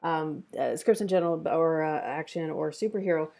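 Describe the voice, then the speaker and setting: A woman with a low, gravelly yet mellow voice talks a little fast as she hosts an online script table read. She chats casually, offering appreciative, encouraging feedback and signing off the stream.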